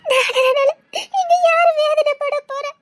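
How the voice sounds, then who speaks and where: A woman's voice: very high-pitched, fast, bright, forceful tone, no room sound. A woman acting a grieving, wronged young woman, speaking with a Tirunelveli Tamil accent in a trembling, tearful voice. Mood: sobbing.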